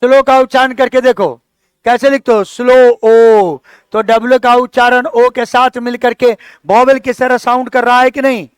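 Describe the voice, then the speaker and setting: A man's voice: very high voice, level tone, normal speed, smooth, dry recording. A male teacher giving a classroom lecture, explaining things step by step and asking his students questions as he goes.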